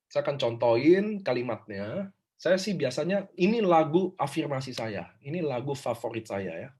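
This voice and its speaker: A man's voice: medium pitch, big pitch swings, moderate pace, a little mellow, slightly rough. A man giving an informal, emphatic motivational talk over a video call. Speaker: motivational speaker. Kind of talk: online motivational workshop talk.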